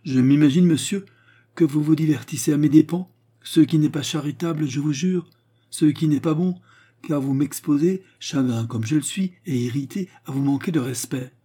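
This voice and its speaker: A man's voice: mid-range voice, normal speed, dark tone, close to an everyday voice. A man voicing a proud young nobleman, stiff and indignant, in an audiobook reading.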